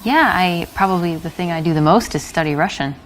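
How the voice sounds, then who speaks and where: A woman's voice: fairly low pitch, brisk, slight background noise, low-quality recording. A young woman, giving brief, polite, reserved answers in a casual chat. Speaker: woman approached in a café.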